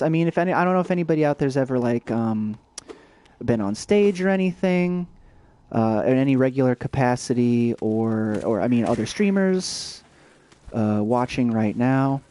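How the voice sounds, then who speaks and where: A man's voice: mid-range voice, mellow. A young adult man streaming a video game, chatting casually and rambling with lots of fillers and restarts. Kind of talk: casual let's-play chat.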